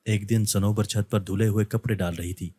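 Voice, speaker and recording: Low, warm-voiced male storyteller. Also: fairly even intonation, husky, no echo. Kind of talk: scripted narration.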